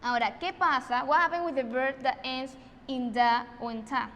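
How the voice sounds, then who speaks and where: A Venezuelan woman teaching English pronunciation, switching between Spanish and English and repeating each example word slowly and with emphasis. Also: high voice, fairly even intonation, fairly bright tone, in a large hall, a little hiss or hum. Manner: slow, emphatic repetition of example words. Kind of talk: recorded online English lesson.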